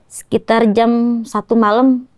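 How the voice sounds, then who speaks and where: In an interview, the mother of the victim emotionally recounts her story in short, clipped phrases, often quoting what others said. Her voice is fairly high-pitched, a little mellow, and flat, and she speaks slowly. The recording is dry.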